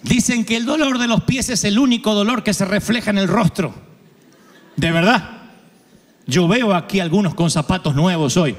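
An Argentine preacher delivers a lively sermon in a fairly high voice, mixing jokes with sudden shouted lines as he acts out other people. The sound carries the long reverb of a large hall. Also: moderate pace. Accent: Argentine Spanish. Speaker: pastor.

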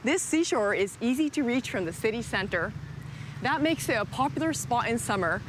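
A woman reporter speaking in a bright, friendly way outdoors on a beach, holding a handheld microphone. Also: on the high side, lively intonation, moderate pace, noisy background. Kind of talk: on-location reporting and interviews.

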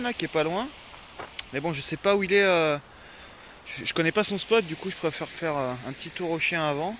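A man's voice: fairly high pitch, a bit bright, a little hiss or hum. A French man chatting casually in a vlog from a farm and his van, rambling with many fillers and restarts, groggy before his coffee. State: groggy, just woke up. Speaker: vlogger.

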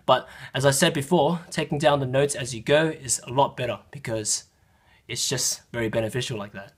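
A man teaching a casual piano tutorial, counting fingerings aloud in a loose, chatty way while getting sick and slightly hoarse. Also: medium pitch, steady tone, fairly quick. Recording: loud piano music over the voice. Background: piano playing.

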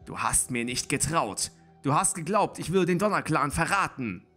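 A man's voice: fairly high pitch, very animated, measured pace, sharp tone, faint music behind, pitched above the performer's own voice, heavily acted. A man reading aloud and voicing an angry, resentful young grey tomcat warrior. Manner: hissing, resentful.

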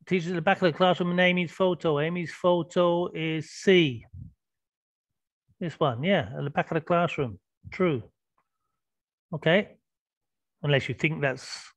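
Slow-talking male teacher on a call. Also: high voice, no echo. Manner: patient, prompting students with questions. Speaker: English teacher. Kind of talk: online class teaching. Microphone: video call. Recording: lo-fi video call audio.

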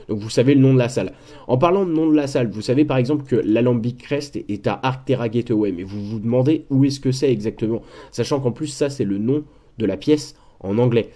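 A man's voice: medium pitch, dark tone. A man giving casual, chatty commentary while showing gaming guide websites, with frequent repeats and fillers. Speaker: gaming walkthrough creator. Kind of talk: casual screen-share commentary.

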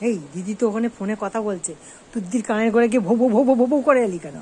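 A woman's voice: a little high, rapid-fire, warm tone, a little hiss or hum. A woman, talking to her pet dogs in coaxing, sing-song baby talk. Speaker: pet vlogger. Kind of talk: casual talk to pets.

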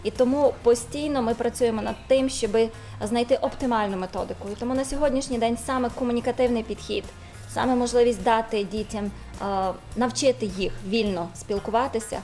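A woman lecturer on a studio interview panel, speaking in a measured, formal way with small hesitations. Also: fairly high pitch, fairly even intonation, a little mellow, faint music behind. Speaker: language lecturer.

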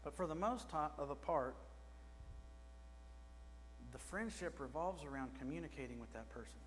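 A middle-aged man preaches from a pulpit in a small church. His voice sits a little high, and he talks to the congregation in a plain, conversational way, asking them questions. The room's long reverb trails behind his words, with a faint electrical hum underneath. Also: lively intonation, normal speed. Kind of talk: sermon. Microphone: pulpit microphone.

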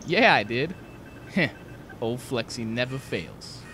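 A man's voice: medium pitch, expressive, slow pace, bright, forceful tone, a little hiss or hum, full character voice. A man playing a cocky young scout, a motormouthed show-off with bragging patter.

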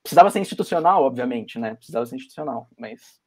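A man's voice: mid-range voice, expressive, quick pace, a little mellow. Brazilian man musing on a video call. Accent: Brazilian Portuguese. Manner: thoughtful, many fillers and restarts. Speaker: panelist. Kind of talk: academic panel discussion.

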